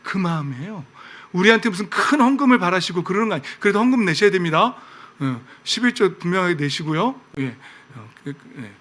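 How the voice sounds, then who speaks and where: A man pastor giving a lively, conversational sermon, often asking the congregation questions. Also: high voice, brisk.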